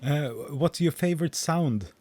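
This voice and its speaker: A man's voice: fairly high pitch, lively intonation, a little slow, darkish tone, no room sound. A young man from Norway, hosting a podcast interview and asking questions hesitantly with many fillers.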